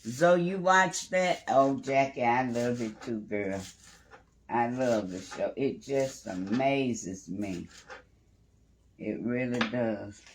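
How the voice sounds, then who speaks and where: A man's voice: mid-range voice, slow pace, a little hiss or hum. A man hosting a casual live cooking stream from his home kitchen, chatting and greeting viewers by name as he cooks. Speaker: home cooking livestream host.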